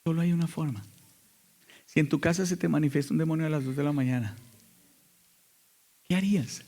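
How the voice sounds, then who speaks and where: Emphatic male pastor, slightly high voice. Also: fairly quick. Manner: emphatic preaching with sudden loud and quiet passages. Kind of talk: sermon.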